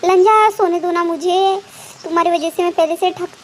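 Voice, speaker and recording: A woman's voice: very high-pitched, fairly even intonation, moderate pace, a little hiss or hum. A woman voicing a drowsy, teasing young man in a storytelling fan fiction.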